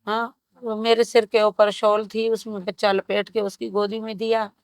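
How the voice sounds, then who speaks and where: A woman in her fifties gives a grave, steady personal testimony in an interview, telling it in short phrases. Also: medium pitch, normal speed, creaky, dry recording. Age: 50s. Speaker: survivor interviewee.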